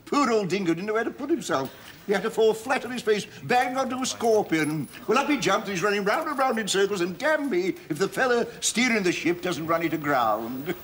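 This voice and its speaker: A man's voice: sits high, sing-song, a little fast, fairly bright tone. A chuckling, rambling old father. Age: older. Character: boastful old father, fond of war stories. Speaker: father in a sitcom. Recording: studio audience laughter.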